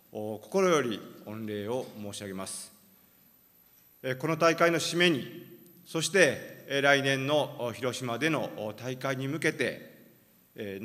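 A man gives a formal closing address in a measured voice, with occasional hesitation sounds. A long hall reverb trails after his words. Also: medium pitch, a bit bright. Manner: measured, with "eh" fillers. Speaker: government official giving a closing address.

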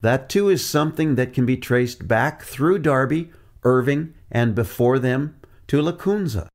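This preacher's mid-range voice sounds animated as he delivers a scripted lesson, though his pace stays measured and deliberate. Along the way he reads passages quoted from his sources.

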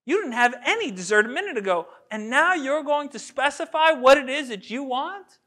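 A pastor preaching a sermon in a lively, conversational way, full of rhetorical questions and little acted-out quotes. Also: male voice, extremely high pitch, moderate pace. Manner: acts out everyday quotes in voices. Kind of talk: expository sermon.

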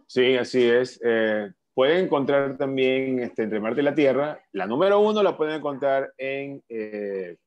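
A man's voice: medium pitch, darkish tone. A man from the publishing house explaining where the books can be bought and briefly confirming what the author says. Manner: brief affirming interjections. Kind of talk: online book fair presentation.

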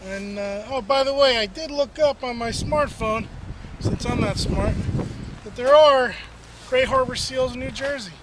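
Man in his 30s, high voice, easygoing fishing host, loose and jokey, outdoors on camera mic, faint background hiss. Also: measured pace. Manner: easygoing, joking, lots of filler words. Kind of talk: casual outdoor fishing vlog. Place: outdoors by a canal. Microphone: camera mic, medium shot.

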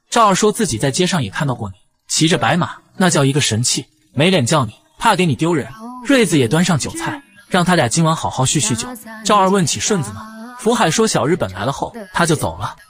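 A man narrates a television drama recap at a brisk clip. His voice sits a little high and moves up and down a lot as he tells the story. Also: big pitch swings, fairly bright tone.

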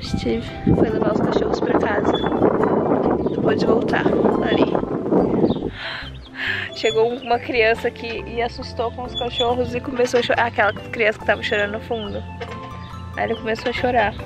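A woman's voice: a little high, level tone, moderate pace, pauses often, over loud music. A young Brazilian woman with a Brazilian Portuguese accent, chatting casually to camera in a windy park and cooing at her baby. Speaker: vlogger mother. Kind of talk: casual outdoor vlog.

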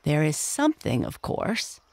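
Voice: medium pitch, huge pitch swings, a little slow, vocal fry, darkish tone, exaggerated voice. A storyteller voicing a pompous, bossy old male frog in a bedtime story, talking in a lofty, lecturing way. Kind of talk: storybook character voice.

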